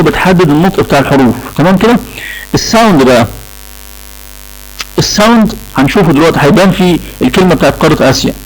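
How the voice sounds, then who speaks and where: A man's voice: a little high, poor audio. A man with an Egyptian Arabic accent lecturing a class on English pronunciation, repeating key points and checking in with the students. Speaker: English teacher.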